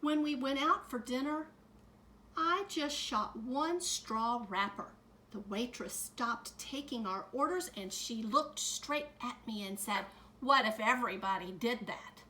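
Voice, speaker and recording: A woman teacher in middle age reads a picture book aloud to young children. Her voice sits a little high and sounds bright, and she takes her time over every line. She stops now and then to talk gently to her listeners. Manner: slow, gentle storytime delivery with added comments to kids.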